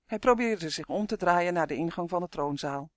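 High-voiced man narrating a storybook. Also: expressive, moderate pace, no echo, studio quality. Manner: vivid, dramatic reading. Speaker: audiobook narrator.

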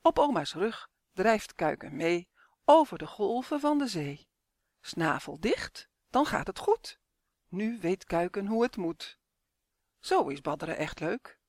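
A woman reading her own rhyming children's story aloud in a lively sing-song storytelling manner. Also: medium pitch, unhurried, no room sound, studio quality. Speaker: author and reader. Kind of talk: storybook narration.

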